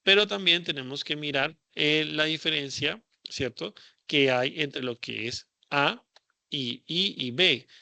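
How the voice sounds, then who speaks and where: A man teaches a class in a loose, thinking-aloud way, full of fillers and checking questions. His voice is gravelly and very bright, and the recording is dry and close, with no room sound. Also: fairly high pitch, slow, no room sound. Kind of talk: classroom lecture.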